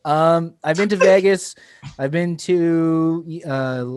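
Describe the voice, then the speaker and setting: A man's voice: a little high, takes it slowly, a little mellow, smooth, no room sound. Crude, frank man in dry sound. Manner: frank and crude, swears freely. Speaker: podcast guest. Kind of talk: casual chat.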